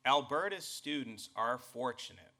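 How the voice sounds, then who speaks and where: A man's voice: medium pitch, expressive, sharp tone. A man with a Boston accent delivering a formal, earnest address to college staff as its president. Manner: measured, emphatic, earnest.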